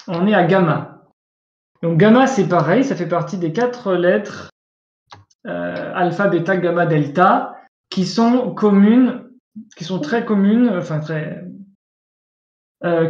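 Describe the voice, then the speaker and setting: Male teacher, unhurried and patient, checking in constantly, over a dull video-call line in an echoey room. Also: high-pitched, a little mellow. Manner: patient, repetitive, often checks understanding with asides. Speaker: Coptic language teacher. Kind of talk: online language class.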